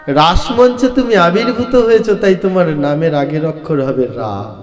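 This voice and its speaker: A man reciting scripture as a devotional storytelling sermon, slow and sing-song, speaking directly to his listeners. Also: fairly high pitch. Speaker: Bhagavata reciter. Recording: echoey hall, faint violin music.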